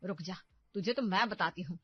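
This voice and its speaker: A woman voicing a meddling, domineering middle-aged mother who loudly stirs up trouble in her family. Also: mid-range voice, normal speed, no echo, muffled recording, close to an everyday voice.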